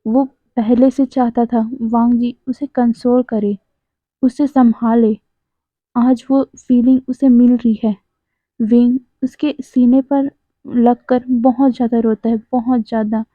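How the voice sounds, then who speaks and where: Woman storyteller reading fan fiction, slow and flat, tinny phone-line sound. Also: a little high, no echo.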